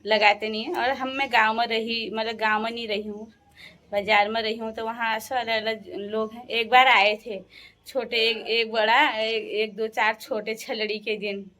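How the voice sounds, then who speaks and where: A woman's voice: fairly high pitch, flat delivery, sharp tone. A young woman from the Uttarakhand hills, chatting casually to her viewers as a vlogger and laughing often. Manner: chatty, laughs often, sings folk songs slowly. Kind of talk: casual storytelling.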